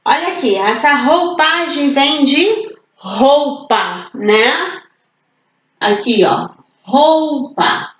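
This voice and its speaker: A woman from Brazil with a high voice teaches children in a slow, patient way, asking questions and then answering them herself. Her voice sounds roomy and a bit dull, like a home recording. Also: lively intonation, fairly bright tone. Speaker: primary school teacher. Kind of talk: online class for children.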